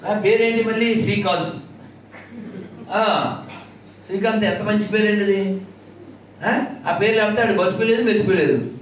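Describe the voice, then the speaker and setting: A man's voice: high-pitched, steady tone, normal speed, long pauses, slight background noise. A man giving a religious discourse, combative and mocking, breaking into sung verses. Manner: combative, mocking asides, sings Sanskrit verses. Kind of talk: discourse to an audience with chanted verses. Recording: echoey hall heard from a distance.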